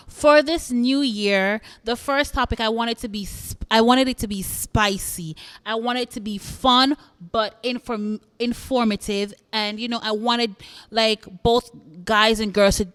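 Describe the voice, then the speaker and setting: Young woman from jamaica hosting her podcast, kinda high voice, chatty, laughs a lot, repeats herself for emphasis. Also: fairly bright tone, clear, resonant tone, no echo. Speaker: podcast host. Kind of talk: casual chat to listeners.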